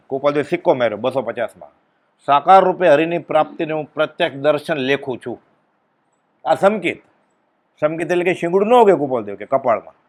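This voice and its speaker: Slightly high-voiced man, spiritual storyteller who bursts out in emphatic lines. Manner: animated storytelling, acting out dialogue with sudden loud exclamations. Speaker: spiritual discourse speaker. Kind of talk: devotional discourse with storytelling.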